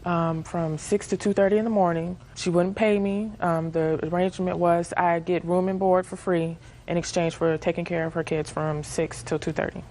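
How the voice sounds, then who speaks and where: Young female litigant, lowish pitch, plain informal courtroom testimony. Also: steady tone, normal speed, hardly any pauses, dark tone, low-quality recording. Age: 20s.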